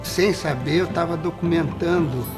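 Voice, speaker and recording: A man's voice: on the high side, moderate pace. A man with a Brazilian accent recalling his past work, reflective and hesitant. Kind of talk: casual recollection. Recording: interview with loud music behind.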